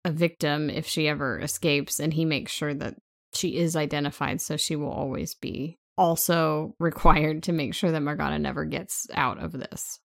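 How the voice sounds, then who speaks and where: A woman's voice: low-pitched, steady tone, vocal fry. A woman co-hosting a podcast, adding plot details to a casual book recap. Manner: chimes in with plot details and quick asides. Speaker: podcast co-host.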